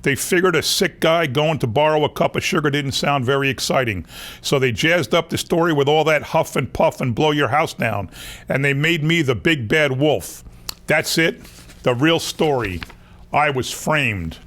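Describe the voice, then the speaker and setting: A man's voice: on the high side, animated, moderate pace, a bit bright. A man reading a children's picture book aloud as a wolf who insists he was wronged, in a folksy, confiding way. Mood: aggrieved. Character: wronged, self-excusing male wolf telling his story. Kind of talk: children's storybook narration.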